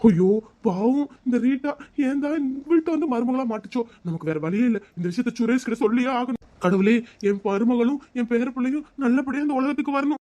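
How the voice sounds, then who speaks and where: A woman's voice: a little high, a little fast, mellow, close to an everyday voice. A woman voicing a kindly older father-in-law in a cartoon, soothing and reproachful by turns. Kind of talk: cartoon voice acting.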